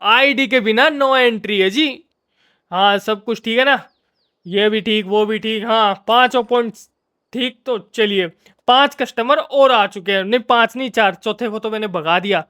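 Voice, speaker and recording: A man's voice: high voice, unhurried, sharp tone, clear, resonant tone. A man giving casual, jokey commentary while playing a game, playfully scolding the characters on screen. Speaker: gamer.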